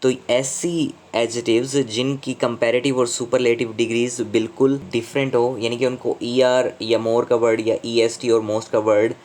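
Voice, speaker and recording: A man teaching English grammar from slides, explaining slowly and deliberately in Hindi mixed with English phrases. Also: mid-range voice, little pitch movement, darkish tone, slight background noise. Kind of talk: slide-based grammar lesson.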